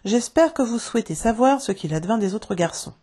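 Husky warm woman narrator. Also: a little high. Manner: measured storytelling, lively dialogue shifts. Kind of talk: scripted audiobook narration.

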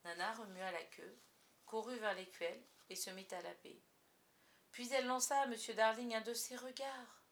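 A woman narrating a storybook in a measured, expressive way. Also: medium pitch. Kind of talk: storybook reading.

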